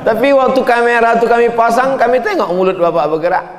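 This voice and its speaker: A man's voice: very high voice, expressive, fast talker, noisy background. A man preaching a humorous sermon into a microphone, chanting Arabic prayer lines and joking with the audience. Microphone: handheld or stand microphone. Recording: echoey hall recording.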